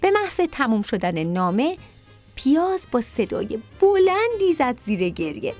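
A woman narrating a children's story in an expressive, animated way. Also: a little high, soft background music.

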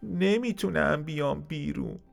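Brief: sad, shy horse-leopard creature, put on by a male narrator, higher and gravelly. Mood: timid. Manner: timid, plaintive.

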